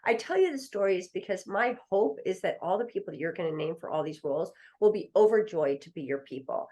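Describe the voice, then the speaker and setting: On a podcast interview, a middle-aged woman who works as an estate planning attorney tells a story, voicing the people in it. She talks fast in a mid-range, expressive voice that is a little mellow.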